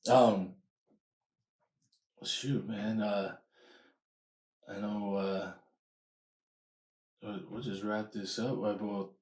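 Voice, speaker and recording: Male podcast host, slightly low voice, relaxed laughing storyteller, echoey room. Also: extremely slow, pauses often. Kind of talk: casual chat.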